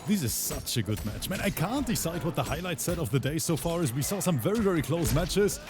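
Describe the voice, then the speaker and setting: Excitable high-voiced male esports host. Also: a little fast, music in the background. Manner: excitable, hyped, reads out chat. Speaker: tournament host and commentator. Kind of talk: esports play-by-play commentary.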